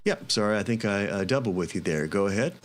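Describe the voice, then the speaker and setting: A man's voice: on the low side, animated, quick pace, very noisy. A man speaking as an amateur radio operator, casually making and calling for contacts. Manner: spells call signs in phonetic alphabet.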